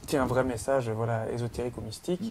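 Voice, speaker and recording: A man's voice: medium pitch, flat delivery, very fast, a little mellow, a little hiss or hum. A man interviewing in casual talk, skeptical and a little hesitant. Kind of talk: casual conversation.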